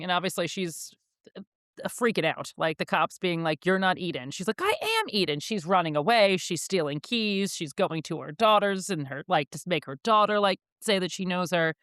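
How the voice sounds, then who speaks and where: A woman's voice: lowish voice, a bit bright, no room sound, clean studio sound. A young woman co-hosting a book podcast, chatting casually and animatedly with lots of filler words. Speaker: podcast co-host.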